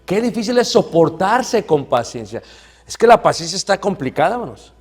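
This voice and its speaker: A man's voice: high voice, moderate pace. A middle-aged man preaching a sermon, telling stories and acting out the people in them. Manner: animated storytelling, acts out quoted voices. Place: church hall. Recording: church hall reverb.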